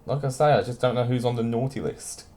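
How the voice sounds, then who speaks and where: A man's voice: medium pitch, quick pace, a little mellow. A young man casually chatting to viewers by name while he streams a game, dry and wry in manner. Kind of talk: casual live-stream chat while playing.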